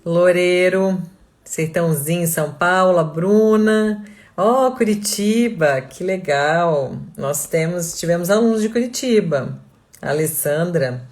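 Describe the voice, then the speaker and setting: A woman's voice: lowish voice, takes it slowly, darkish tone. Chatty woman greeting live viewers. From Blumenau, Santa Catarina, Brazil. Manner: chatty, reads out viewers' names and towns, laughs easily. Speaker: online course instructor. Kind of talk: casual live-class greeting.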